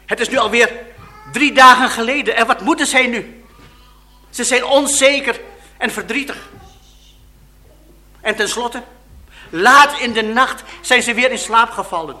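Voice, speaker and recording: Male preacher, slow deliberate delivery, expressive dramatic sermon storytelling. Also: extremely high pitch.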